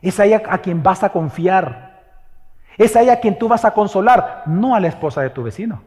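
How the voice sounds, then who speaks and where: A man's voice: sits high, expressive, fairly quick, a little mellow, long reverb tail. A male pastor preaching a sermon in a church, questioning the congregation and driving his points home with emphasis. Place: church sanctuary.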